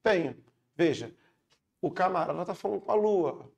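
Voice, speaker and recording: A man's voice: high voice, lively intonation, normal speed, vocal fry. A man with a Brazilian Portuguese accent teaching a casual online grammar lesson, chatty and upbeat, checking in with his students after every point.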